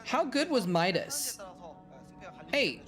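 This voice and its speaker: This man's high, very animated voice moves at a slow pace with a fairly bright tone, and faint music sits behind it. He's a onetime game caster streaming casually over old matches, tired from hours of talking, wandering off-topic, correcting himself, and reading viewer messages out loud to reply.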